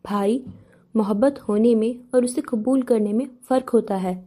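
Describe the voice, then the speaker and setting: A woman reading a romance novel aloud voices a calm young man who talks softly and evenly about his feelings. Her tone is dark, mellow, tender and a little high, staying close to an everyday voice.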